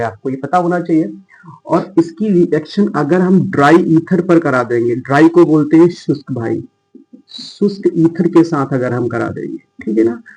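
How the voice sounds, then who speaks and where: A man's voice: a little high, a little mellow, poor audio. A man teaching chemistry in a casual, chatty lecture style, talking to students as he writes.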